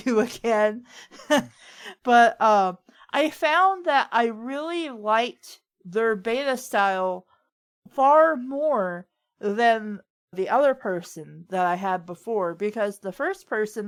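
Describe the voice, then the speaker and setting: Her voice is medium-pitched, clear, and resonant as she hosts a casual writing advice talk. She rambles conversationally while giving advice and often imitates what other people say.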